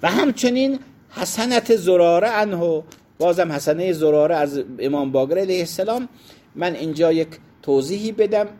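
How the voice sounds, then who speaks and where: A man's voice: sits high, dark tone. A man teaching a seminary class on Islamic law, who quotes Arabic legal texts, glosses them and stops to define terms. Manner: explanatory, pauses to define terms. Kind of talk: classroom lecture on Islamic jurisprudence.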